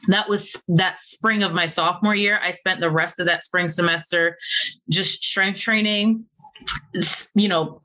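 A woman from Barbados, a physical therapist, telling her story as a podcast guest in a lively way, acting out what people said. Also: a little slow. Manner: lively, acts out quoted dialogue with sudden pitch jumps. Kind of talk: conversational storytelling in an interview. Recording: slightly muffled lo-fi audio.

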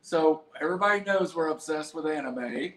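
An adult host with a medium-pitched, fairly bright voice chats at a normal speed, casually interviewing two children and nudging them along with short, leading questions. It sounds like a casual home-made show, recorded with roomy echo and a faint hiss in the background.

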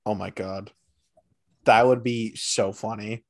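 A man co-hosting a hockey podcast, chatting casually with a friend, animated and teasing, with quick bursts of excitement. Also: on the low side. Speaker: podcast co-host. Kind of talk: casual sports chat.

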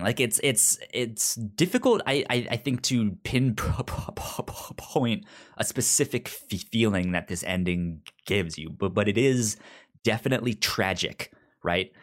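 A podcast co-host reviews a comic book in casual chat, often stammering and repeating sounds as he explains things. His voice is on the low side, expressive and unhurried.

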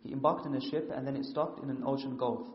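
A man reading a scripture commentary aloud at a brisk, even pace. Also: medium pitch. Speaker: reader of the text. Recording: echoey hall, muffled.

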